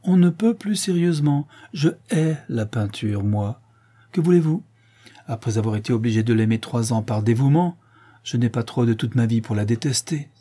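A man voicing a proud, cold widowed marquise in an audiobook, speaking curtly and imperiously, raised well above his own voice, with a dark, husky tone. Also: mid-range voice, animated, moderate pace. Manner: curt and imperious. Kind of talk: audiobook character reading.

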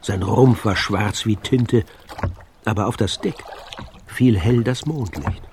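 A man narrating a children's adventure story in a calm, measured storytelling voice. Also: lowish voice, slight background noise.

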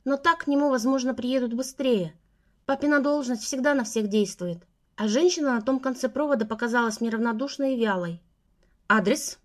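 A woman's voice: on the high side, a little fast, darkish tone. Woman reading a first-person audiobook. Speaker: audiobook narrator.

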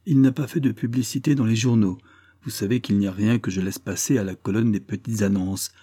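A man's voice: fairly low pitch, fairly even intonation, a little fast, dark tone, husky, no echo. A man reading the part of a shrewd, sardonic male detective who talks in a dry, probing, lightly ironic way. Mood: skeptical.

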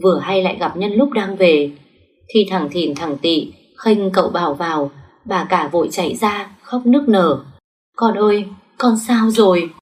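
Low-voiced woman reading a story. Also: animated, moderate pace, recorded from a distance. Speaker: narrator. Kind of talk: storytelling audiobook narration.

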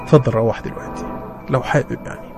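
A man with an Egyptian accent playing a calm, dismissive hospital doctor who speaks quietly and matter-of-factly. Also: medium pitch, quick pace, over music, natural voice.

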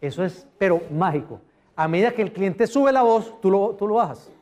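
A man speaking at a live customer service seminar, his pitch a little higher than most men's. He talks in an animated way and keeps asking the audience questions. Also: moderate pace. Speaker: motivational speaker.

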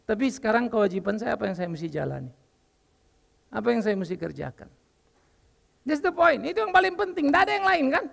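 An older man preaching a lively, joking sermon as a pastor while unwell. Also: extremely high pitch, fairly quick, gravelly, long pauses, long reverb tail. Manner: lively and joking, mixing in English phrases. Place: church.

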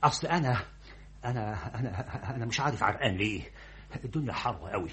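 A man playing a timid, slow-witted middle-aged clerk with an Egyptian accent, hesitant and stammering, in an old radio comedy. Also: medium pitch, lively intonation, husky. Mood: nervous, flustered. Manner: hesitant, stammering, repeats a pet phrase.

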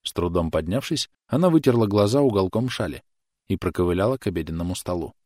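A man narrating an audiobook in a measured, expressive way. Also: low voice, no echo, clean studio sound.

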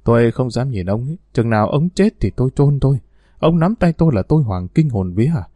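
A man's voice: mid-range voice, expressive, quick pace, mellow, no echo, close to an everyday voice. A man voicing a flirtatious, haughty wealthy woman, coquettish with her lover and cold to her servant. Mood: cold commanding.

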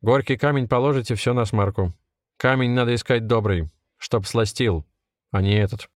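A man doing a sly, unhurried village craftsman. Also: mid-range voice, dry recording, studio quality, lightly acted. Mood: sly calm. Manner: unhurried, folksy, teasing. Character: calm wiry village man, sly bathhouse builder.

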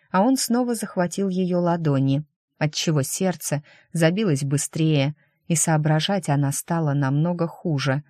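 Steady audiobook narrator, dry sound. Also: medium pitch, dry recording.

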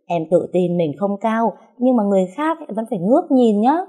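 A woman voicing a feisty, sharp-tongued young wife who teases and argues cheekily. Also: mid-range voice, expressive, voice pushed up, lightly acted. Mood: coy boasting. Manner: cheeky, teasing, quick to argue.

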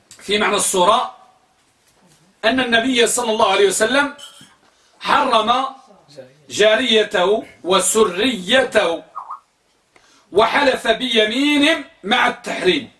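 Man, religious teacher, high sharp voice, quizzes listeners, repeats words, far from mic. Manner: poses questions to listeners and repeats key words; corrects pronunciation by drilling word forms. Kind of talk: religious lesson. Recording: echoey room, distant mic.

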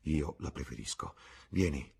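A man's voice: very deep voice, measured pace, creaky, slightly rough, heavily acted. A man doing a listless young addict. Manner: absent, flat and detached.

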